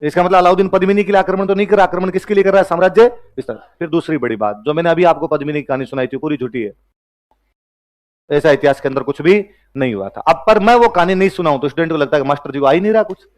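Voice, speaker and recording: A man's voice: fairly high pitch, fast, darkish tone. A man teaching a history class, asking and answering his own questions and joking with students.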